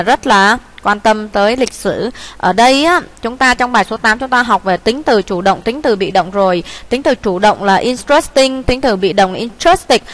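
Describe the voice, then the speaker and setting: A woman English teacher with a Vietnamese accent, talking through the answers of a test paper, with many fillers, and reading the English words out slowly as she thinks aloud. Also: mid-range voice, fairly bright tone.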